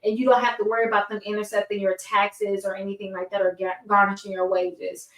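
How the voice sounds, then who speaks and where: A woman's voice: medium pitch, level tone, fast talker, fairly bright tone. Lady with braces doing a casual explainer, chatty, trips on words a bit, echoey room, kinda far from mic. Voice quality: speech slightly hampered by dental braces. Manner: chatty, informal direct address with stumbles and self-corrections. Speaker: host of a personal finance course. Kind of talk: casual instructional talk to viewers.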